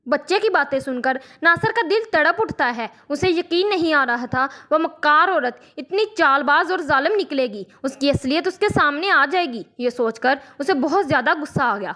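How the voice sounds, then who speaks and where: A woman's voice: high voice, expressive, hardly any pauses, pushed and bright. A woman narrating a moral storybook tale in an earnest, dramatic manner.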